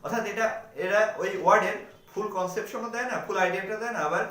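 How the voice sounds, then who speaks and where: Guy teaching, high voice, asks himself stuff then answers, kinda far from the mic in an echoey room. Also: fairly even intonation, fast, pushed and bright. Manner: asks and answers his own questions. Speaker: lecturer. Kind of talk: explanatory lecture.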